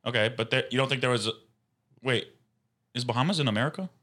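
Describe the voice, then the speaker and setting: Bright-voiced young man, deadpan joker. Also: medium pitch, fast talker. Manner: deadpan, joking, swears casually. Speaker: podcast co-host. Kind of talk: casual chat.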